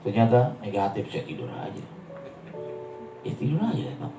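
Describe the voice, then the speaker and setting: A man preaching a sermon, telling stories with lively acted-out quotes. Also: on the low side, moderate pace, roomy sound, distant mic, music in the background, poor audio. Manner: animated storytelling, acts out quotes. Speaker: pastor. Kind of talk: sermon with storytelling. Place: church.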